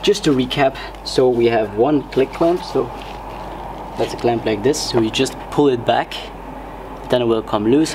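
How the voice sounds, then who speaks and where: Guy doing a casual how-to, normal mid voice, echoey space w noise behind him. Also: medium pitch. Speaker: host of a DIY car series. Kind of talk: casual tutorial, explaining step by step. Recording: roomy echo, clear background noise.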